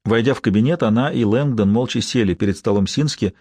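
A man reading an audiobook in an even, measured narration. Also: lowish voice, no echo. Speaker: audiobook reader. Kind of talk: scripted narration.

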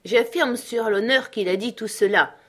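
A woman's voice: fairly high pitch, normal speed, fairly bright tone, pitched above the performer's own voice. An ironic middle-aged country doctor, cold and dry with a mocking edge, as a woman reads him. He never raises his composure. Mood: cool.

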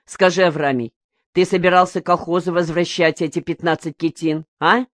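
A woman reading the part of an agitated old male fishing brigade leader in an audiobook, speaking loudly in exclamations. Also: on the low side, steady tone, normal speed, no echo, studio quality, lightly acted. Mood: heated. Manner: loud, exclaiming.

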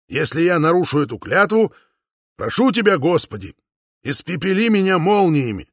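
A man's voice: a little high, dry recording, studio quality. A man doing a blustering old Boer father. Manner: shouting, blustering. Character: gruff old Boer father, loud, protective.

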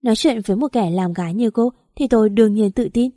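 A woman reading the lines of an arrogant, scornful married man in an audio story, in a warm, dry voice. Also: a little high, quick pace, no room sound, close to an everyday voice. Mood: contemptuous. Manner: scornful, insulting. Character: arrogant wealthy married man, cold and cutting.

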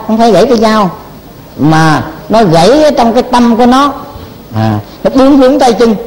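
An older man, a Buddhist monk teacher telling stories in a sermon, animated and repeating words as he acts out what people said. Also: high-pitched. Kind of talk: storytelling sermon. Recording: long hall reverb.

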